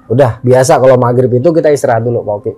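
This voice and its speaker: A man's voice: mid-range voice, very fast, slightly rough, no echo. A man telling a story in casual chat, acting out his friends' lines as he goes. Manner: animated, acts out friends' lines. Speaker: guest storyteller.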